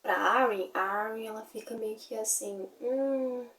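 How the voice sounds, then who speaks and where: A woman's voice: mid-range voice, steady tone, normal speed, a bit bright, far from the mic. A woman recapping a fantasy novel in a casual, chatty way, full of fillers. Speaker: book reviewer.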